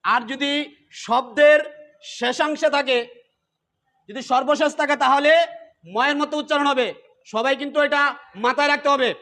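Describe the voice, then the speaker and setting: A man with a strikingly high voice gives a pronunciation lesson. His tone is bright and forceful. He works through the rules step by step and repeats each example word. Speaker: teacher of Gita recitation.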